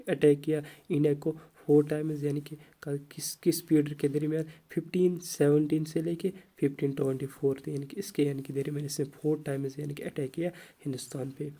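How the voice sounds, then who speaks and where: A man giving an exam-prep history lesson in a very dark, mellow voice pitched a little high. He keeps asking questions aloud and answering them himself, leaning on the same filler phrase. He reads English notes slowly, then explains them in Urdu. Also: gravelly. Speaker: teacher.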